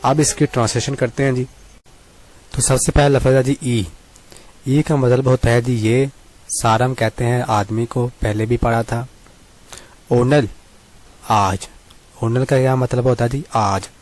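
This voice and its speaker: A male language teacher with a mid-pitched voice works through a reading lesson. He reads each sentence slowly, repeats it, then explains it by asking a question and answering it himself. He keeps a patient, polite tone throughout. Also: steady tone, a little mellow. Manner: asks and answers his own questions, polite "ji" filler.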